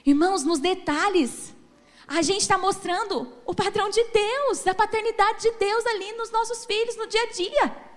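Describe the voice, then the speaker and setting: A woman pastor with a Brazilian accent preaches with emphasis, her high voice carrying through a reverberant church hall. She speaks straight to the congregation and keeps calling them brothers. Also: unhurried. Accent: Brazilian Portuguese. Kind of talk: sermon.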